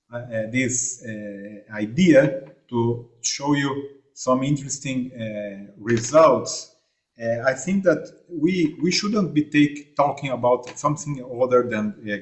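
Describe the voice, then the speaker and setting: Remote speaker, male, from Argentina, halting delivery over a video call, mid-pitched. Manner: halting, many fillers and restarts.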